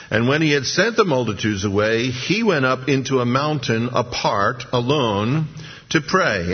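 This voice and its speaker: A man's voice: mid-range voice, breathy edge, highs cut off. A man preaching a verse-by-verse Bible teaching, reading scripture aloud and adding wry, joking asides. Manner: reads scripture then adds wry asides.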